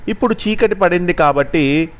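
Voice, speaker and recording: A man narrating a children's story as a storyteller, expressive and gentle. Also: high voice, moderate pace.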